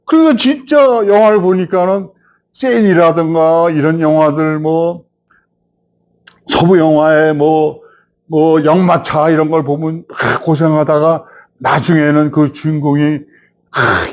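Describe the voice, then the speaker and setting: A man in his seventies, a film director, telling a host stories from his past and growing animated as he recalls it. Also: on the high side. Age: 70s. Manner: animated storyteller, rising when recalling the past. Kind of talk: reminiscing storytelling.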